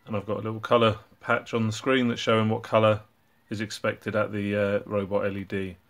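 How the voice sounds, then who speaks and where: A man with a low voice explains his own project in a casual, unhurried way. His delivery stays level and even, and he often pauses on ums and uhs while he works through the details. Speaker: robotics hobbyist channel host.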